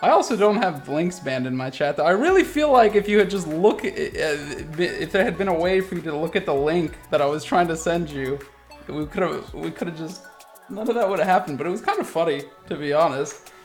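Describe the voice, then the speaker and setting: Higher-voiced young gamer bro. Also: male voice, expressive, brisk, soft background music. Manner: bro-ish slang, swearing. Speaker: gamer in conversation with a streamer. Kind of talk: casual chat.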